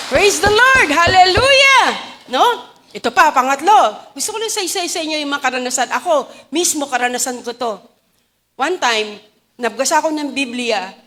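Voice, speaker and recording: A woman with a Filipino accent preaching a testimony sermon, telling stories with animated calls to the congregation. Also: fairly high pitch.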